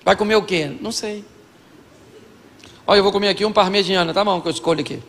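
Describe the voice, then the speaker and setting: A Brazilian pastor with a high voice talks fast in a fairly bright tone, his words carrying the sound of a big room. Before a live audience in a large church hall, he preaches a jokey sermon on marriage, acting out both partners in couples' dialogues.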